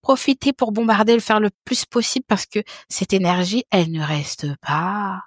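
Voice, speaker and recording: Speaking at medium pitch and normal speed, this animated woman in her thirties chats casually and frankly as a podcast guest. She tends to repeat words and restart sentences, captured in clean studio sound with no echo.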